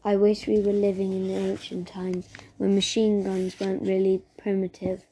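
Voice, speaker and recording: A woman reading a children's story aloud as narrator, steady and even, with small slips. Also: medium pitch, moderate pace, a little hiss or hum.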